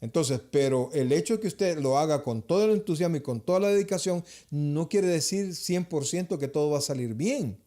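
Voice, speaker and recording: Pastor guy preaching hard, high voice that jumps all over, mellow tone. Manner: impassioned preaching, addresses listeners directly. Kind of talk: sermon. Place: church.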